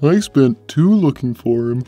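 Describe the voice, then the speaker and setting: A woman voicing a big, gentle, innocent male cat in a cartoon, simple and mild in manner. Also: extremely low pitch, expressive, measured pace, dry recording, muffled recording, faint music behind, heavily acted. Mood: earnest. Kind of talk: in-character cartoon Q&A.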